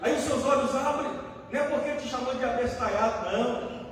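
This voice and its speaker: High-voiced Brazilian man preaching in echoey hall. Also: a little fast. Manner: fervent, asks the crowd questions and answers them. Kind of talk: sermon. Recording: echoey hall from a far-off mic.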